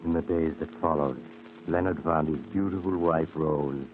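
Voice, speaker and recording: An actor playing the grave male narrator of a 1940s radio mystery drama, telling the story in measured tones on a tinny old broadcast with faint hiss. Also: very deep voice, fairly even intonation, loud music behind the voice. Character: ominous male storyteller of eerie tales.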